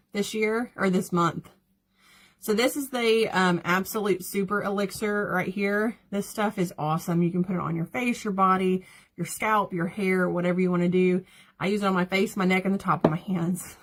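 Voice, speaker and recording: A woman's voice: mid-range voice, fairly even intonation, moderate pace. A woman, chatting casually and rambling as she does her makeup on a livestream, laughing often and answering viewers. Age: 30s. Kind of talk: casual livestream chat while doing makeup.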